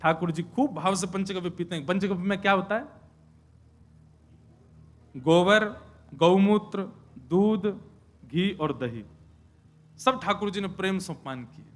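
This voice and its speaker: A young man preaching a devotional sermon, animated and chuckling as he tells stories. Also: high-pitched, unhurried, long pauses. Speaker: kathavachak preacher. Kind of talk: devotional scripture sermon with storytelling.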